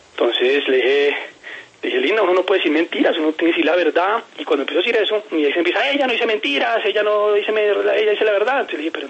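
A man's voice: a little high, fairly bright tone, breathy edge, dull audio. A man telling a personal story in an interview, emphatic and repeating words as he quotes people.

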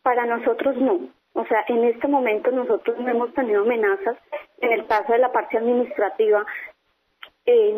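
Woman, firm and insistent, slightly high voice, tinny phone line. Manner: firm, insistent, repeats her points. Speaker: company employee interviewed by phone. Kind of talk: phone interview. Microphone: telephone.

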